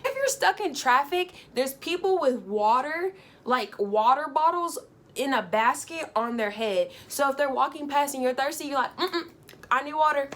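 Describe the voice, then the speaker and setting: A young woman vlogger telling a casual, animated travel story, full of fillers. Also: sits high, normal speed.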